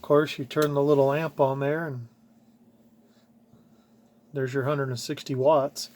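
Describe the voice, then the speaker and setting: A DIY hobbyist shows off his own install in a casual, plainspoken walkthrough, pointing things out informally as he goes. His mid-range voice is level, measured and a little mellow, with noticeable ambient background noise.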